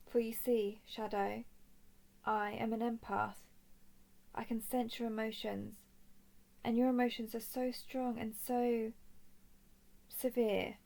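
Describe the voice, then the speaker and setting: A woman voices a young royal dragon in a roleplay audio drama, playing a composed, curious captor. She speaks formally, softly and deliberately, in a fairly high, gravelly voice.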